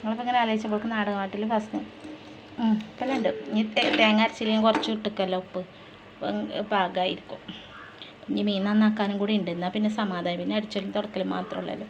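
A woman narrates her cooking in a relaxed, chatty way, often checking in with her viewers. Her voice sits in an ordinary middle pitch. Loud clanking pots, dishes and stirring from her home kitchen fill the recording behind her. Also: quick pace, muffled recording, background noise. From Malappuram, Kerala. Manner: chatty, keeps adding friendly tag questions to viewers. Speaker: home cooking vlogger and mother. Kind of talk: casual cooking vlog narration.

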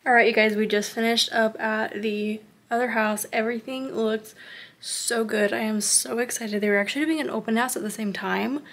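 A woman in her twenties vlogging casually to a camera held at arm's length at home, chatty and excitable. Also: fairly high pitch, moderate pace. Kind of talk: casual vlog talk to camera. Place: bedroom at home, indoors.

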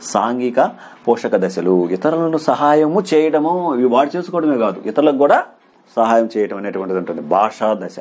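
A man's voice: mid-range voice, lively intonation, moderate pace, darkish tone, slightly rough. A man in his thirties teaching a lesson, turning each key point into a quiz question and answering it himself. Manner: stresses points with "very, very important". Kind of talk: exam-prep lecture.

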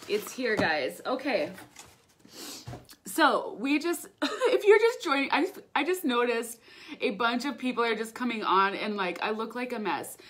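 A young woman hosting a casual livestream from home, emotional and tearful, excitable, laughing often between her words. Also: on the high side, a little hiss or hum. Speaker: livestream host, direct seller. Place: at home, indoors. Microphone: phone or webcam.

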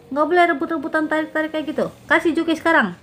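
A woman's voice: high-pitched, steady tone, a bit bright. A young woman voicing a stern, scolding mother in a toy game role-play. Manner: scolding, bossy, quick to threaten.

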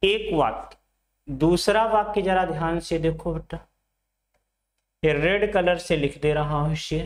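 Slow, repetitive Hindi teacher, man. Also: a little high. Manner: slow, repeats phrases, asks students questions and answers them; addresses students fondly as children. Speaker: Hindi teacher for exam students. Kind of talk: classroom lecture at a board. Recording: echoey room.

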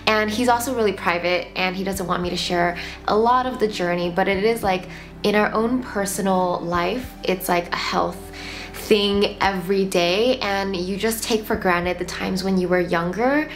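A woman in her late twenties hosting a casual vlog, reflecting with gentle advice and lots of "like" fillers, filmed sitting on the floor at home. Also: medium pitch, normal speed, faint music behind. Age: 20s. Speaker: lifestyle channel host. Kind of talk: casual talking-head vlog. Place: home room, seated on the floor.

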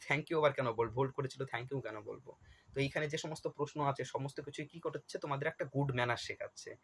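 A male teacher, going through exam questions, reading the English slowly and then explaining them at length. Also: on the high side, slightly rough, rough recording. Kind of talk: exam question walkthrough lesson.

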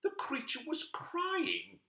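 A man's voice: very high-pitched, very animated, slow pace, gravelly, sharp tone. A man telling a children's story with dramatic, swooping emphasis. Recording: echoey room.

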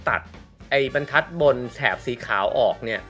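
A man's voice: mid-range voice, expressive, moderate pace, pushed and bright, soft background music. A man giving polite, thoughtful analysis as a commentator in a casual panel discussion. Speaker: design commentator.

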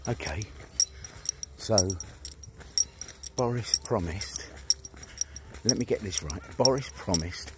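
A man with a fairly low voice makes a mocking, foul-mouthed prank call, speaking slowly with lively intonation and frequent pauses. Only his side is heard. He's outside among trees, headphones on, filming on a phone at arm's length in a noisy recording.

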